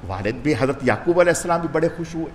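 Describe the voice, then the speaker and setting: A male religious scholar delivers a Quran commentary sermon, telling stories animatedly with voiced dialogue and emphasis that rises and falls. His voice is slightly high, echoing through a hall with long reverb and faint noise.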